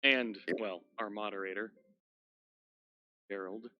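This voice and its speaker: A man's voice: lowish voice, fairly even intonation, takes it slowly. A man in casual pre-game chat, upbeat as he introduces the session. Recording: slightly dull lo-fi mic.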